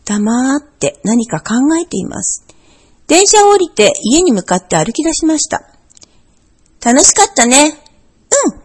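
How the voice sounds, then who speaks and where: A woman narrating a children's storybook in a gentle, expressive read-aloud manner. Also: sits high. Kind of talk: storybook reading.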